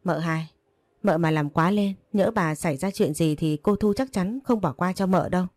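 A woman's voice: on the low side, moderate pace, a little mellow, no room sound, close to an everyday voice. Woman voicing a brash young servant girl. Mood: threatening.

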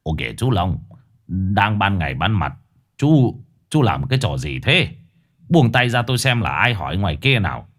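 A man's voice: lowish voice, very animated, normal speed, fairly bright tone. A man voicing a fussy middle-aged village chief who stammers and talks hesitantly. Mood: puzzled.

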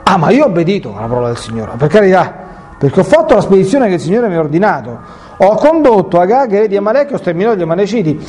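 A man reading a hurried, defensive old king. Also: high voice, sing-song, dark tone, husky, faint music behind, exaggerated voice. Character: defensive excuse-making ancient male king.

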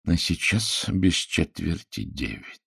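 Guy doing a fussy pompous detective, pedantic, deep voice, dry sound. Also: takes it slowly, gravelly, a bit bright, breathy edge, no echo, heavily acted. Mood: measured. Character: fussy precise Belgian detective, middle-aged man.

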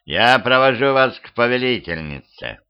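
A cold, menacing skeletal beast with a hairless wolf's muzzle, as a man puts it on growls out each word slowly. The voice sits at a middling pitch, and the home-made recording sounds muffled and lo-fi. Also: big pitch swings, clean tone, lightly acted. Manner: slow, growled delivery.

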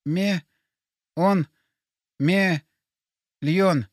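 A man voicing a dying young man who speaks slowly and faintly, turning his r sounds into g sounds. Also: sits high, no echo, clean studio sound. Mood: fading. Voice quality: burred r sounds, r spoken like g. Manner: slow, faint, halting speech. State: dying, barely audible. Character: dying young man, weak, gentle, resigned.

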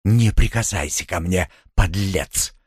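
A man voicing a furious, jealous young wife in an audiobook, with shrill, scornful outbursts. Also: slow pace, husky, dry recording, studio quality, heavily acted. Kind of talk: audiobook character voice.

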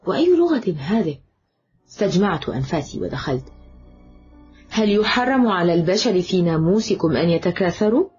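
A woman's voice: lowish voice, big pitch swings, fairly quick, a little mellow. A woman voicing a proud, seductive cursed woman in an audiobook drama, speaking haughtily. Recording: dull lo-fi audio with background music.

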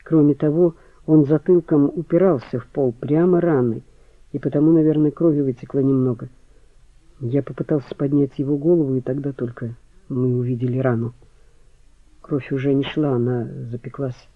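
A man's voice: medium pitch, normal speed, no room sound, lightly acted. A man reading as a shaken man speaking dully. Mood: grim. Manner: muffled, flat. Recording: phone-like, dry.

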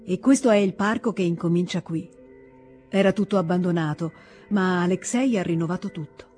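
A woman's voice: fairly low pitch, normal speed, soft background music, lightly acted. A woman reading an audiobook, voicing a tender young noblewoman who speaks in an earnest, confiding way. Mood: fond. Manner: earnest, confiding, gently pleading. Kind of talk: audiobook character voice.

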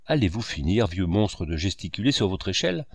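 A man reading an audiobook, voicing a young, naive woman who murmurs softly and teases. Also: low voice, sing-song, a little fast, slightly rough, dry recording, clean studio sound, voice pushed down, exaggerated voice. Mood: teasing. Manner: murmured, soft-spoken.

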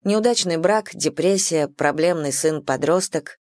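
Woman audiobook narrator, first-person novel, measured delivery, lowish voice, dry close studio sound. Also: a little mellow, dry recording.

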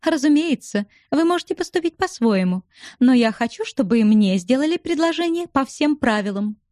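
A woman putting on a high teasing young widow. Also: animated, normal speed, a little mellow, no room sound, studio quality. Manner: coquettish, bantering.

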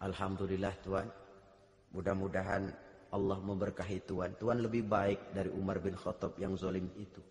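A man's voice: high voice, normal speed. A preacher voicing a poor, bitter mother. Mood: weary complaint. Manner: pleading, complaining softly. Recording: echoey mosque hall.

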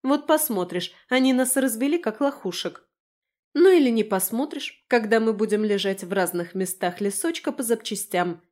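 Woman reader doing a brash young woman, sarcastic, teasing, high voice, audiobook. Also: lively intonation, moderate pace, darkish tone, natural voice. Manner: teasing, mocking. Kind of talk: audiobook character voice.

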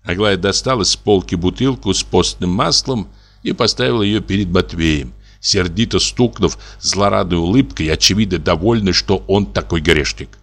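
Low-voiced man reading literature gravely. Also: moderate pace, fairly bright tone. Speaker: audiobook narrator. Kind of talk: scripted literary narration.

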